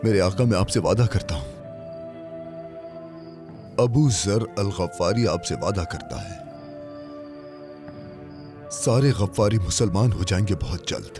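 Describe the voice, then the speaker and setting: A fearless, devout desert preacher, proclaiming with a lively, swinging pitch. A film score plays under him. The tone is fervent and sure. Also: male voice, moderate pace, music in the background. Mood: devoted. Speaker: dubbed film character. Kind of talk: Hindi film dub acting. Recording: film score mixed behind.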